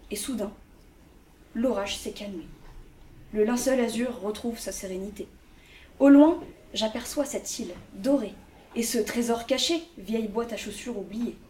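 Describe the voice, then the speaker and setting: A woman reciting spoken-word poetry in a lyrical, rhythmic way, like telling a story. Her voice is fairly high. The room around her sounds echoey. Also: darkish tone, distant mic.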